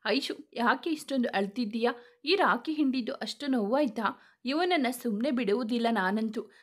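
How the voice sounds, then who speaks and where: A woman's voice: a little high, normal speed, lightly acted. Woman voicing a fussing protective girlfriend. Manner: fussing, scolding. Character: protective young woman friend.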